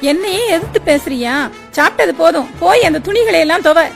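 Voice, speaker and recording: A woman's voice: very high-pitched, lively intonation, fairly quick, gravelly, soft background music, exaggerated voice. A woman doing a spiteful, scheming housewife. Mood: scolding. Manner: sharp, scolding, gossipy.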